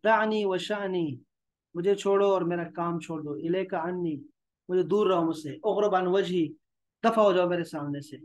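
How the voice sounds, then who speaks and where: A man's voice: sits high, normal speed, a little mellow. A man with a Pakistani Urdu accent teaching a language class. He reads each phrase aloud, explains it, and coaxes the students with repetition. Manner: coaxing, repeats himself. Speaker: Arabic teacher. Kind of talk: classroom lesson.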